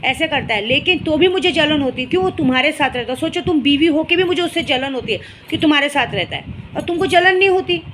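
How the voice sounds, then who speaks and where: A woman's voice: sits high, lively intonation, fast talker, fairly bright tone. A young woman speaking straight to the viewer, confronting and scolding a rival in a heated, emotional monologue, with faint noise behind her. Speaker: vlogger addressing a rival. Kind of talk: emotional direct-to-camera monologue.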